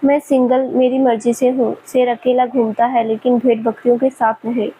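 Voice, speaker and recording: A woman's voice: on the high side, level tone, moderate pace, mellow, slight background noise, close to an everyday voice, rough recording. A woman doing a teasing, grumpy young man.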